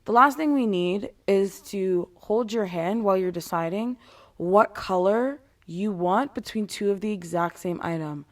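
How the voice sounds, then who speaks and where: A woman's voice: mid-range voice, a little slow. A woman giving a casual, candid monologue in a blunt way, with casual swearing and sarcastic, exasperated asides. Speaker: retail worker giving advice to customers.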